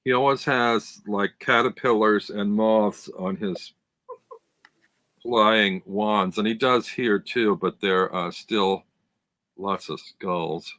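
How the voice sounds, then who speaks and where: A man's voice: lowish voice, takes it slowly, fairly bright tone, dry recording. A man co-hosting a casual live-stream chat, talking enthusiastically and describing details over a video call. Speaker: tarot deck reviewer, co-host.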